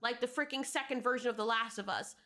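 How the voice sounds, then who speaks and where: A woman's voice: a little high, quick pace, pushed and bright. A young adult woman co-hosting a reaction show, ranting in heated, exasperated casual chat and swearing freely. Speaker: co-host reacting to clips.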